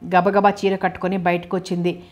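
A woman narrating a novel as an audiobook and reading every character's lines herself in an even storytelling voice. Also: lowish voice, fairly quick.

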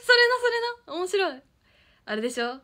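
A woman's voice: extremely high pitch, sing-song, a little fast, sharp tone. A young woman hosting a casual idol livestream, giggly and chatty as she reads out viewer comments.

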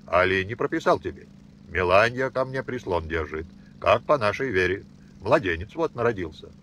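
A stern old Old Believer father, played by a male reader, barking commands in rustic dialect. His voice swings widely between low growls and sharp outbursts. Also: lively intonation, moderate pace, slight background noise. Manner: harsh, commanding, threatening, rustic speech.

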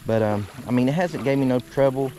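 A man's voice: medium pitch, a little fast, mellow. A man, talking casually and in a rambling, folksy way about his fishing gear from a kayak on a lake. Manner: laid-back, rambling, folksy. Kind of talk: casual outdoor gear talk. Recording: noisy outdoor audio.

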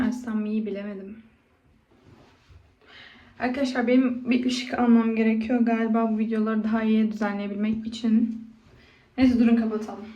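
A woman's voice: a little high, warm tone, far from the mic, dull audio. A young woman in her twenties chatting casually to her viewers as she does her hair, her voice echoing in an empty room. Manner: chatty, talks to herself and viewers while doing her hair. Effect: echo from an empty room. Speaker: vlogger. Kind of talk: casual vlog chat. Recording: echoey empty room, faint hiss.

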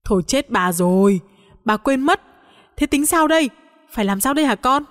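A woman's voice: high-pitched, expressive, moderate pace, big-room sound, pitched above the performer's own voice. Brief: woman voicing a playful, teasing young-again grandmother, storybook. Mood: panicked. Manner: bubbly, doting, teasing.

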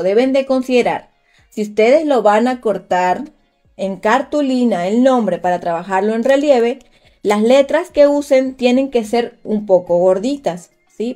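A woman's voice: a little high, darkish tone. A woman teaching a live design class, chatting directly with her viewers and thinking aloud as she works. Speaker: crafts instructor. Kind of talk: live-streamed software tutorial.

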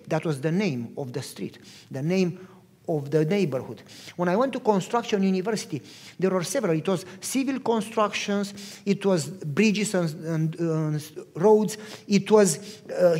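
A man preaching a sermon who tells a story from his own life and acts out its dialogue in an animated way. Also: high voice, slightly rough. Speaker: pastor. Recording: long reverb of a large hall.

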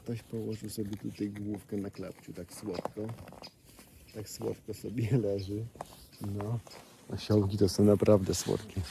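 A man's voice: fairly low pitch, flat delivery, measured pace, creaky, noisy background. A man at an animal sanctuary, chatting fondly to donkeys and viewers as he walks through their paddock. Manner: affectionate, chatty, talks baby-talk to donkeys. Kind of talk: casual vlog talk to animals and viewers. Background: animal sounds outdoors.

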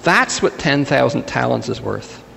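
A man's voice: medium pitch, sing-song, a little slow, creaky, fairly bright tone, in a large hall. A man preaching a humorous sermon, telling jokes in a playful storytelling manner. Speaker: pastor. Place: church sanctuary.

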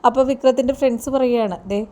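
A woman's voice: fairly high pitch, fairly even intonation, fairly quick, a little mellow. A woman narrating an episode of a TV serial in a chatty storytelling manner. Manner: chatty storytelling with filler tags.

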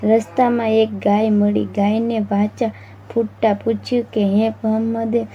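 A woman narrating a devotional story in a steady storytelling manner, on a dull lo-fi recording with faint noise. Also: medium pitch, a little slow.

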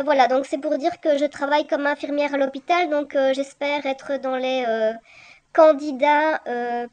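A woman playing a keen, polite, hesitant flat-hunter leaving a voicemail. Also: high-pitched, lightly acted. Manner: hesitant, polite, careful spelling. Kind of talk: scripted voicemail role-play.

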